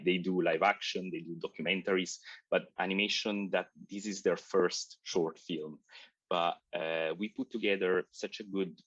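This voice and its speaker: Low, husky man with Swiss Italian accent. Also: no echo, lo-fi sound. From Italian-speaking Switzerland. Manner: hesitant, many restarts and fillers. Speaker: film director. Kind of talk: interview. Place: United Kingdom.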